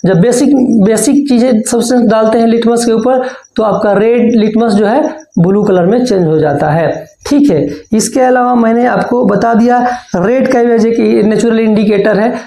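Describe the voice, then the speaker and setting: Male teacher, gravelly, mellow tone, echoey room, explains step by step. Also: very high-pitched, moderate pace, few pauses. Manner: explains step by step, asks and answers his own questions. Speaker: science teacher. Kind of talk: exam-prep lesson.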